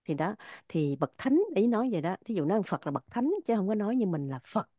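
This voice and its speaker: A woman's voice: mid-range voice, expressive, quick pace, mellow, dry recording, studio quality. A woman explaining religious poems in an earnest spiritual talk, repeating phrases for emphasis. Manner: earnest, repetitive, stressing words.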